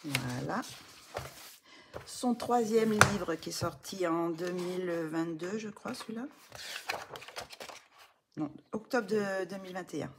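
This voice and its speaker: A woman's voice: on the low side, animated, slow pace, long pauses, heavy background noise. A middle-aged woman chatting casually as a coloring vlogger, hesitant with many fillers and restarts. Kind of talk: casual show-and-tell.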